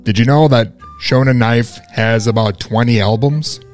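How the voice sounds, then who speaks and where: A man's voice: mid-range voice, moderate pace, soft background music. A man hosting a radio show in casual banter, teasing and needling his co-host.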